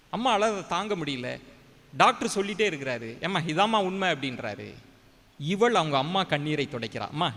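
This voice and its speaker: A man's voice: sits high, fairly bright tone. Man giving a dramatic speech in an echoey hall. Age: middle-aged. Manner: dramatic, acts out the dialogue of the story. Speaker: guest speaker at a college day. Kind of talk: motivational storytelling speech. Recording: echoey hall with long reverb.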